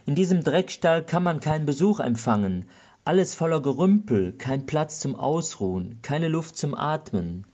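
A priest voicing a frantic, excited man who shouts high and breathless as he cleans his house for a visitor, in a dull lo-fi recording. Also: slow, hardly any pauses.

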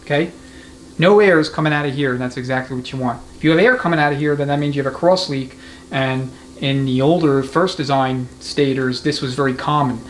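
Inside a transmission repair workshop, whose background noise is clearly heard, a man explains his hands-on work methodically and conversationally. It's an unscripted demonstration delivered fairly quickly in a mid-range voice.

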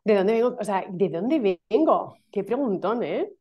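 A woman's voice: medium pitch, a little slow, husky. A woman in her thirties from Spain with a Castilian Spanish accent, a guest chatting casually and animatedly in a video call interview. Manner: chatty, animated, lots of fillers and laughs. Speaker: guest, email marketing specialist. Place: small room at home. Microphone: laptop microphone on video call. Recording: dull lo-fi video call audio.

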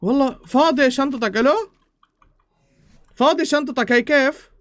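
A man's voice: extremely high pitch, moderate pace, no echo. A man hosting casual gameplay chat over voice chat, pleading, swearing oaths and laughing a lot. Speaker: gaming channel host.

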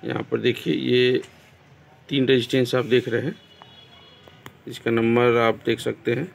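A man with a Bihari Hindi accent calmly explaining a TV repair step by step in a small workshop, filmed on a phone. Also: medium pitch, a little slow, vocal fry, slight background noise. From India. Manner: plain, step-by-step explaining, addresses viewers as friends. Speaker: TV repair technician. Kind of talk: repair tutorial narration.

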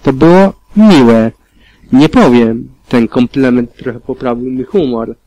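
A man reading a fan fiction audiobook aloud in a calm, steady manner with occasional slips. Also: medium pitch, unhurried, no echo, low-quality recording. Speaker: audiobook reader.

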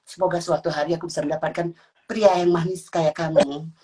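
A woman's voice: low-pitched, steady tone, a little fast, heavy background noise. A woman hosting a phone livestream from a bedroom, chatting casually and teasing her guests with flirty banter. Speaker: livestream host. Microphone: phone front camera.

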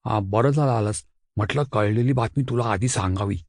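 A man's voice: fairly low pitch, moderate pace, dry recording, clean studio sound. Earnest schoolboy friend, read by a man.

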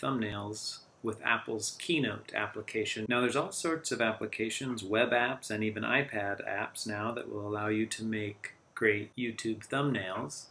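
A man explains a computer task one click at a time, in an easygoing teaching tone. His voice sits in a middle register with a gravelly fry at the ends of phrases. It sounds like a tutorial narrated over a screen recording. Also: mid-range voice, a little hiss or hum. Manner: relaxed step-by-step walkthrough.

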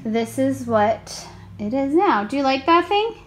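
A woman's voice: sits high, big pitch swings, unhurried, very noisy. A young woman, a mother hosting a casual home vlog, chatting and asking her toddler questions.

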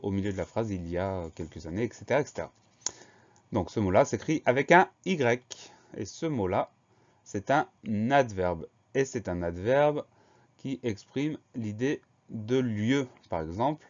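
A man's voice: lowish voice, a little mellow, highs cut off. A man teaching a spelling lesson, patiently spelling out each word letter by letter.

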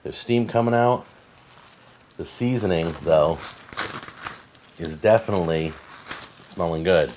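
A man's voice: low voice, unhurried, pauses often, darkish tone. A man hosting a casual home cooking demonstration, upbeat and instructional, from an older video. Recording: older video with faint background noise.

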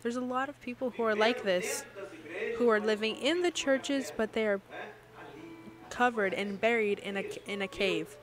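A woman's voice: fairly high pitch, normal speed, over music. A woman giving an interpreted sermon in a preaching cadence, often putting questions to the congregation.

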